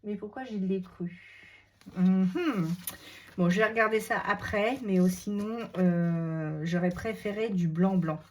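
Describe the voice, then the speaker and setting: A woman with a French regional accent demonstrating a craft technique step by step, chatty and unhurried, thinking aloud with many fillers. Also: medium pitch, a little hiss or hum. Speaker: crafting tutorial host. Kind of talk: casual step-by-step crafting demo.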